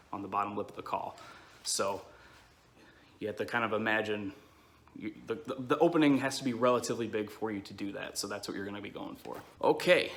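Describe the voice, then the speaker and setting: Casual, bright-voiced man giving a lesson. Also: on the low side. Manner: informal, explanatory, frequent check-ins like "okay" and "all right". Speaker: duck-calling instructor. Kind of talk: casual hands-on tutorial.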